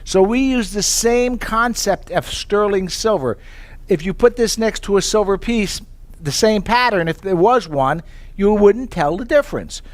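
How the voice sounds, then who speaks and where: A man pitches tableware to a live audience in a slightly raised voice. He spins chatty personal stories, quotes his own past thoughts in little asides, and keeps checking in with his listeners. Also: lively intonation, a little slow. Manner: chatty storytelling with rhetorical questions. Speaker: sales presenter.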